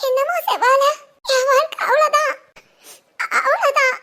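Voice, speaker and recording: A woman's voice: very high voice, fairly even intonation, normal speed, sharp tone. A woman voicing a downtrodden young daughter-in-law in a cartoon, speaking in a plaintive, bitter way. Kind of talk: cartoon voice acting.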